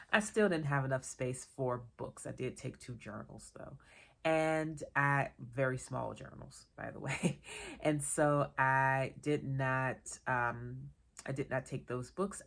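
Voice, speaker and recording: A vlogger and author talks to camera in an easy, meandering solo vlog, her low voice full of vocal fry. Congested from a cold and tired, she stays relaxed and chatty, digressing with small laughs.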